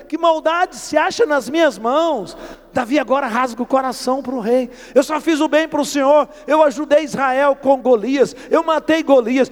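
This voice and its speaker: A man with a Brazilian Portuguese accent preaching a sermon, reading scripture aloud, explaining it and calling on the congregation to respond. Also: extremely high pitch. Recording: long hall reverb.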